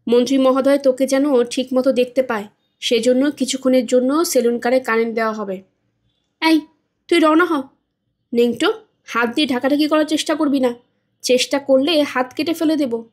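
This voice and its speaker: A woman's voice: high voice, normal speed, a little mellow. A woman voicing a brutal bodybuilder thug in a storybook reading, coarse and threatening. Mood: menacing. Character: menacing bodybuilder thug, adult man, brutal.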